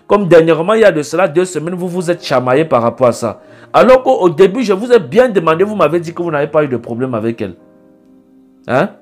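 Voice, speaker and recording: A man acting as a prophet in a call-in consultation, scolding the caller insistently and repeating himself. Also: high voice.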